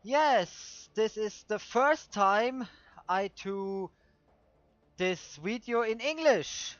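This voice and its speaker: Swiss german guy, native german, casual racing game commentary, halting, searching for words, dull lo-fi mic, pretty dry sound. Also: high-pitched, lively intonation, fairly bright tone, no room sound. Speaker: host of a racing game video series.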